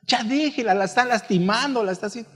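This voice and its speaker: A man putting on the soft, imploring voice of a worried mother who begs him to stop. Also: extremely high pitch, quick pace, big-room sound, voice pushed up. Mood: pleading. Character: pleading worried middle-aged mother.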